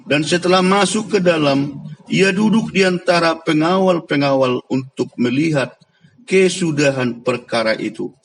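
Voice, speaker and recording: A man leading a worship service and reading a scripture passage in a slow, deliberate, reverent way. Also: on the high side, gravelly, a little hiss or hum.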